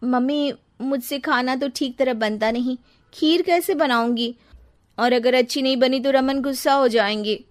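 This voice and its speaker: Woman acting a high-pitched fussy young daughter-in-law. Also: moderate pace, lightly acted. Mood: worried. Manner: mixes English phrases into speech. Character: young fitness-obsessed daughter-in-law, fussy and easily flustered.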